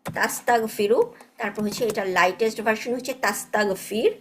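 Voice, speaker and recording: Patient woman teaching grammar, higher voice. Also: animated, a little fast, fairly bright tone, a little hiss or hum. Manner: patient, checks understanding with frequent tag questions; mixes English words into explanations. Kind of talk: online class explanation.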